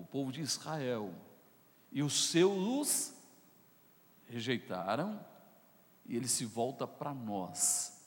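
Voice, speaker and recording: A man preaching a sermon as pastor, calling on the congregation to respond, moving from soft, joking asides to loud, rising proclamations. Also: mid-range voice. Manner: preaching with big swings between soft asides and loud shouted peaks; playful, jokes with the congregation. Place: church hall. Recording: reverberant church hall.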